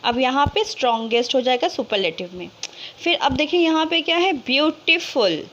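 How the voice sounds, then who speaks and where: A woman teaching English grammar in Hindi, asking questions and answering them herself, and stretching out the example words slowly. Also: sits high, expressive, fairly bright tone, highs cut off. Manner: slow, drawn-out reading of example words. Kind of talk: explanatory lesson in Hindi with English terms.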